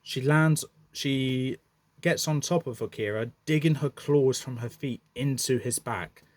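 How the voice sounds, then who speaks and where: A man narrates a creature battle at an unhurried pace. His telling is loose and unscripted, full of fillers and quick self-corrections. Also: mid-range voice, dry recording. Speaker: storyteller.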